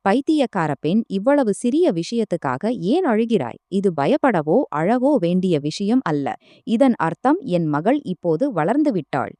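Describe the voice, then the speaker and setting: A woman voicing a gentle, worried mother who soothes and pleads, in a storybook reading. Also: medium pitch, dry recording, clean studio sound, close to an everyday voice.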